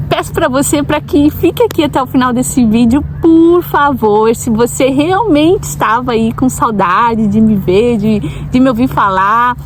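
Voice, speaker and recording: A woman's voice: on the high side, darkish tone. Young Brazilian woman vlogger, casual and chatty, lots of tag questions; noise audible behind her. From Brazil, Santa Catarina. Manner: chatty, asks viewers directly, frequent tag questions. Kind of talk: casual talk to camera. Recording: noticeable background noise.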